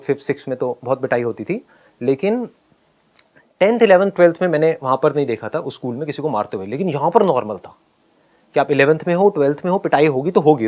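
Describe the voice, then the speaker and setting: A man tells a personal school story in an animated way, laughing often and acting out his own lines. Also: mid-range voice. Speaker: speaker telling a school story.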